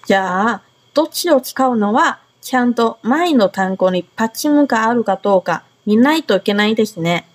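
A woman's voice: a little high, animated, moderate pace. A woman from Taiwan co-hosting a radio language lesson, asking questions and repeating phrases after her partner. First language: Mandarin Chinese. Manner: bright, asks questions, repeats after co-host. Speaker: Chinese language teacher, co-host.

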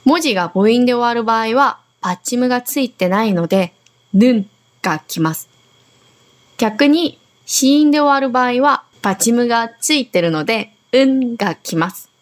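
A woman's voice: a little high, lively intonation, moderate pace. A Korean woman hosting a radio language lesson, patiently explaining grammar and modelling words to repeat. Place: Okinawa.

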